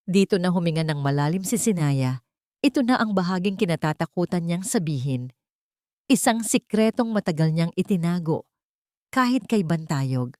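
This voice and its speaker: Reading a dramatic scripted story as an audiobook, this Filipino-accented woman has a lowish voice with a darkish tone. The recording is dry and of studio quality.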